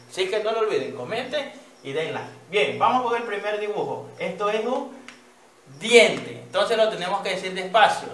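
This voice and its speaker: A man teacher giving a children's reading lesson, patiently sounding out words slowly and checking in with "¿ya?". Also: high voice, fairly bright tone, echoey room, slight background noise.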